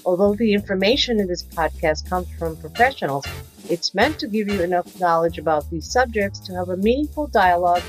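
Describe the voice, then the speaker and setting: A woman's voice: fairly low pitch, lively intonation, brisk, faint music behind, low-quality recording. A woman reading a short scripted disclaimer at the start of a podcast. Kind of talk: read disclaimer.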